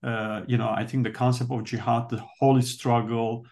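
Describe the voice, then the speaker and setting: A man from Turkey, a native Turkish speaker, chats casually at a book club in Turkish-accented English. His soft voice is creaky and flat in pitch, and he halts often as he looks for the words he needs in English.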